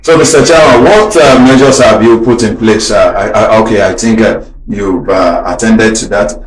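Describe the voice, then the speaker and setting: Polite Nigerian radio host in an echoey studio. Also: male voice, fairly low pitch, moderate pace. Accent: Nigerian English. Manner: polite, reads out listener messages, takes calls. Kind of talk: radio talk show hosting.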